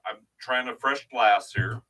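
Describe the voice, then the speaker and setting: A man co-hosting a live drinks show, mixing a drink while chatting in lively, mock-serious banter. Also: mid-range voice, measured pace, recorded from a distance. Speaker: co-host of a live rum show. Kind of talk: casual live-stream banter.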